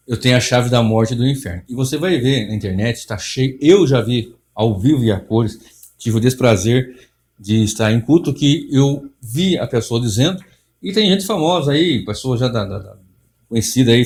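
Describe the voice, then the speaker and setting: A middle-aged pastor speaks, leading a Bible study. He talks in an emphatic manner, circling back and restarting phrases as he presses his point. His voice sits at an ordinary male pitch. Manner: emphatic, repeats and restarts, mocks others' theatrics.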